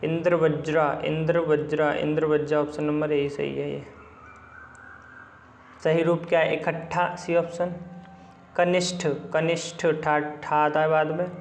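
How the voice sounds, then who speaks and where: A man's voice: on the high side, level tone, measured pace, roomy sound, a little hiss or hum. A man teaching Hindi spelling for exams, running through a book's questions and repeating each word over and over with casual asides. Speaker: Hindi exam tutor. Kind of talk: spelling lesson walking through a book.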